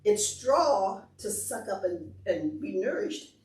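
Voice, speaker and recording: A visiting presenter at a children's library program gives an interactive talk to preschoolers and parents, explaining things simply and asking questions in an animated, demonstrative style. Her voice is medium-pitched and slow. She's captured by a far camera mic in a large, echoey library meeting room.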